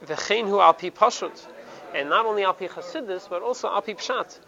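A man gives a Torah lesson in a gravelly, somewhat high voice, stumbling and repeating words as he explains texts. The recording is dull and lo-fi, with a loud crowd heard behind him outdoors. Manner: halting, repeats words, mixes Hebrew terms into English. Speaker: Torah teacher. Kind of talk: Talmudic study lesson. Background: crowd noise.

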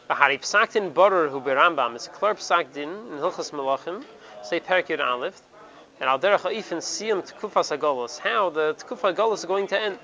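His voice is on the high side, bright and forceful, as he teaches a Talmudic study lesson, halting to repeat words and using Hebrew terms in English. The lo-fi recording sounds dull, with crowd noise in the background.

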